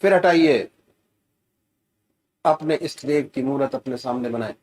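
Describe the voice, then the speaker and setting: Slow, gentle spiritual teacher. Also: male voice, mid-range voice, a little hiss or hum. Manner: slow, gentle, soothing guidance with rising emphasis. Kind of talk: guided meditation instruction.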